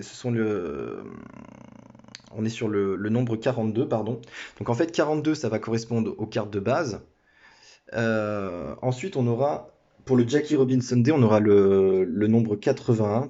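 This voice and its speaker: This man's voice is on the low side with a dark tone. Recorded on a phone with dull lo-fi quality, he runs a sports card break, chatting casually but haltingly through the card openings, restarting often and apologizing in small ways.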